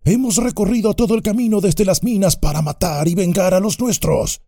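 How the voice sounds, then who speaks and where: A man playing a shrill, quarrelsome mine orc. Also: brisk, mellow, no room sound, studio quality. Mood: resentful. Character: resentful male orc from the mines, quarrelsome. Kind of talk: audiobook character voice.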